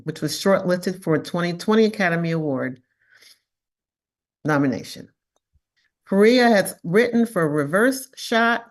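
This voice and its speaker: Woman reading an event introduction. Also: lowish voice. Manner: reads acknowledgments and a bio aloud. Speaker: event host.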